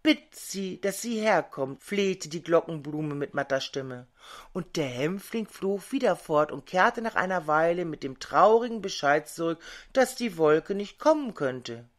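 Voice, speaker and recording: An older woman reading a fairy tale aloud, in an expressive and measured way, as the host. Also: low voice. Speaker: storyteller.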